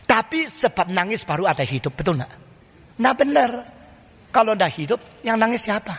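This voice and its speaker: An older male pastor with an Indonesian accent preaches in a large church hall. His high, bright voice rings out with a long reverb behind it. He keeps firing rhetorical questions at the congregation and slips into mock dialogues. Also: lively intonation, moderate pace, husky. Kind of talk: sermon.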